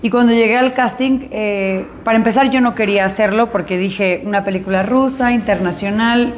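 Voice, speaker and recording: A woman actress recounting an experience in an interview, lively and acting out the dialogue in her story. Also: mid-range voice, a little fast, a little hiss or hum.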